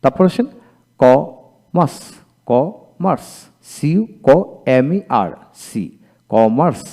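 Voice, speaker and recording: Man drilling spellings in a mellow voice. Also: medium pitch, big pitch swings. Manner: spells words letter by letter, repeats each word slowly. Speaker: English teacher. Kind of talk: spelled-out pronunciation lesson.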